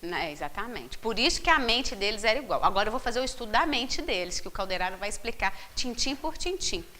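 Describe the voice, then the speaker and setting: A woman leading a book study group, animated and constantly checking in with her listeners through rhetorical questions. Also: fairly high pitch, quick pace, slight background noise. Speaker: spiritist study group leader.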